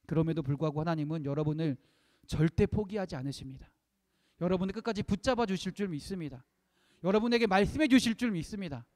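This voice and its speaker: A man preaching a sermon, emphatic, repeating key phrases and swinging between loud peaks and hushed lines. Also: high-pitched, fast. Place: church sanctuary. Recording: long reverb of a church hall.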